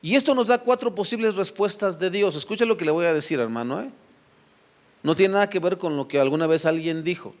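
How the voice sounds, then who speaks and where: A man's voice: high voice, lively intonation, brisk. A man preaching a sermon to his church, firing rhetorical questions at the congregation and addressing them directly. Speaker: pastor.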